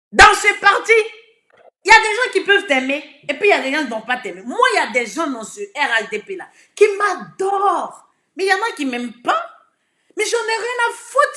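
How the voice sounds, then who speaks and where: A woman with an Ivorian accent giving advice straight to camera. She swings from shouting to soft, low pleading and repeats words for emphasis. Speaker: political social media commentator. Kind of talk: direct-to-camera message.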